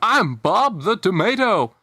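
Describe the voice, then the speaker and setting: An eager little cartoon tomato boy, put on by a man, pitched up high. He is friendly and exclaims his words brightly in a storybook read-aloud. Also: very animated, slow, husky, no echo, studio quality, exaggerated voice. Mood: eager greeting.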